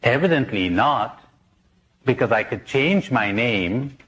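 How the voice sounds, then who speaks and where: Slow, questioning priest giving a talk. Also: male voice, medium pitch, expressive, fairly bright tone, dull audio. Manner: slow, questioning, repeating key words for emphasis. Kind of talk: recorded spiritual conference talk with jokes.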